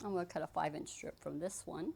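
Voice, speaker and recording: Talking fast in a low, gravelly, darkish voice with a breathy edge, a woman runs a casual sewing tutorial. She chats as she handles the fabric, narrating each step and frequently starting over.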